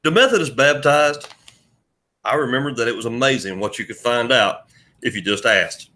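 Man reading a first-person audiobook, bright forceful tone, mid pitch, steady storytelling. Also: fairly quick. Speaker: audiobook narrator.

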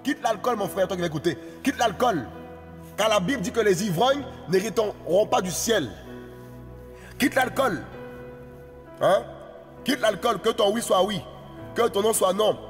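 A man's voice: high voice, expressive, measured pace, long pauses, long reverb tail, faint music behind. A man preaching a sermon, exhorting his listeners in a repetitive, singsong cadence.

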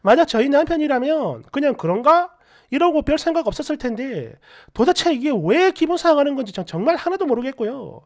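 Brief: an indignant, sarcastic woman storyteller with a bright, animated, high-pitched delivery. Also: fairly quick. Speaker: story narrator. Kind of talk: first-person story narration.

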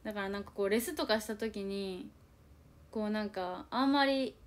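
A young idol group member streams live, speaking at a moderate pace in a medium-pitched voice. She chats casually, reads viewer comments, and confides in a self-deprecating way, animatedly acting out little quoted exchanges in changed voices.

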